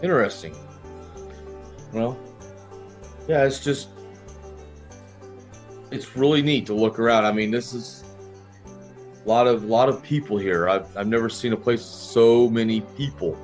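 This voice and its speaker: A man's voice: mid-range voice, a little slow, long pauses, darkish tone, lightly acted. Man acting a friendly wandering adventurer, jovial town-drunk manner, rambling, tabletop role-play, music behind.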